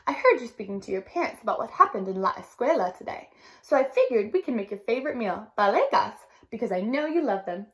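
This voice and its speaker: A woman's voice: fairly high pitch, sing-song, fast talker. A woman voicing a loving, proud grandmother in a storybook read-aloud. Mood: coaxing proud. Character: warm loving Honduran grandmother.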